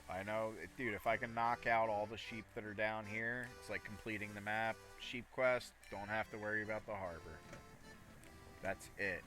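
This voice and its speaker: A man's voice: on the low side, steady tone, normal speed, pushed and bright, soft background music. A man giving casual, rambling live commentary as he plays a game, often talking to himself. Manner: rambling, talks to himself while playing. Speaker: gaming streamer.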